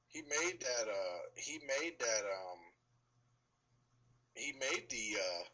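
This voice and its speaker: A man's voice: medium pitch, animated, takes it slowly, pushed and bright, slightly rough, low-quality recording. A man co-hosting a casual sports talk show, rambling through his opinions.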